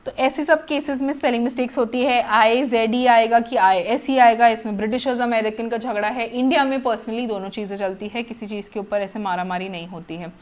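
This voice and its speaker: A woman teacher giving an exam-prep lecture, mixing Hindi explanation with English terms and slowing down to repeat rules and examples. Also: fairly high pitch, fairly even intonation.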